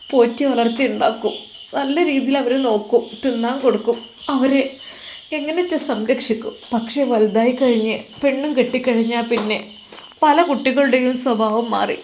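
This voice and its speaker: A woman's voice: a little high, steady tone, normal speed, darkish tone, a little hiss or hum, lightly acted. A woman voicing a grieving older mother who speaks soothingly. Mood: lamenting.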